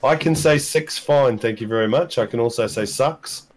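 A man's voice: medium pitch, normal speed. A man from New Zealand with a New Zealand accent, chatting casually and joking on a hunting game stream. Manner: joking, laughs often. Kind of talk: casual gaming chat.

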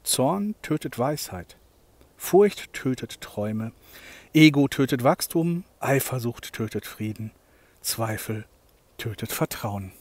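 A man hosting a motivational podcast monologue, talking emphatically, swinging between loud and soft and often checking in with "ja?". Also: medium pitch, lively intonation, slow pace, no echo. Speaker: podcast host, coach.

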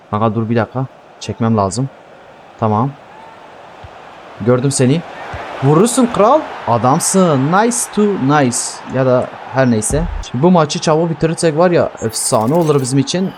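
A man commentating his own football video game match, excitable and swearing at teammates. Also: mid-range voice, a little hiss or hum. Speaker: gaming YouTuber playing football career mode. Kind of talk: live gameplay commentary.

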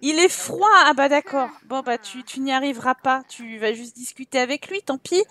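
High-voiced woman, chatty game commentary. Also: normal speed, sharp tone. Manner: chatty, teasing her characters with exclamations. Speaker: let's play host. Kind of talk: casual gameplay commentary.

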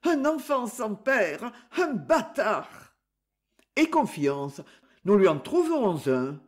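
A man voicing a gentle elder brother from the countryside, who speaks softly, consoling and earnest. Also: high voice, big pitch swings, takes it slowly, full character voice.

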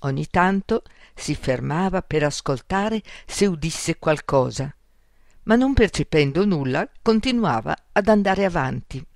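Slow, careful woman storyteller. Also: low-pitched, expressive, no echo, clean studio sound. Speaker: audiobook narrator. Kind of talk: scripted narration of a children's fairy tale.

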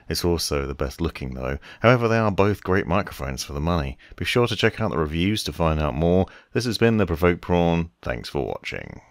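Very deep, gravelly male tech reviewer. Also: dry recording. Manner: explanatory, demonstrating gear step by step. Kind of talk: casual product review demo. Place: desk setup indoors. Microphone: desk microphone on boom arm.

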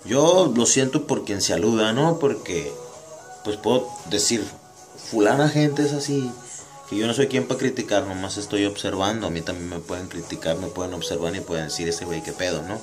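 A man's voice: fairly low pitch, moderate pace, soft background music. A man with a Mexican Spanish accent in a casual, rambling monologue full of slang and joking asides.

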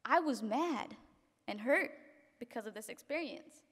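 Young woman, high voice, graduation speech at a podium, earnest, long hall reverb. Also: lively intonation, a bit bright, breathy edge. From Africa. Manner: earnest, reading from notes, halting restarts. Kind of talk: reading a prepared graduation speech. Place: event hall, indoors. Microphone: podium microphone.

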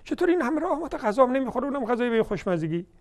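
A man giving a polemical religious lecture on a TV show, scolding and mocking with loud bursts and quiet asides, reciting scripture slowly. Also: very high-pitched, big pitch swings.

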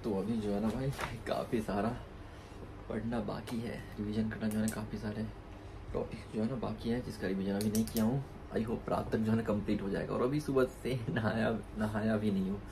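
A man in his twenties, a student vlogger, chats casually into a phone held at arm's length, speaking Hindi mixed with English words. His voice is on the low side, fairly quick, with fairly even intonation, and he leans on repetitive filler phrases. The phone recording is noisy, made both on the street and indoors.

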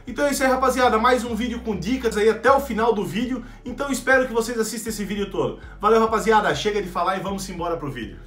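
A man's voice: sits high, fast talker, few pauses, a bit bright. A young man hosting a fishing shop channel, chatting casually to camera about his gear and often checking in with viewers. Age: young adult. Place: indoor studio in front of a rod rack. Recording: echoey room with faint music.

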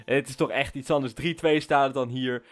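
A man's voice: mid-range voice, steady tone, a little fast. A man giving casual commentary over his gameplay, chatty and ranting, with many fillers. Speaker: gaming YouTuber.

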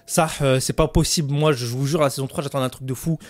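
A man's voice: mid-range voice, steady tone, fast talker. A young man in his twenties, an anime YouTuber, delivering an exasperated, slang-heavy rant in a video review. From France. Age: 20s. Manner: indignant, exasperated ranting with heavy slang and swearing.

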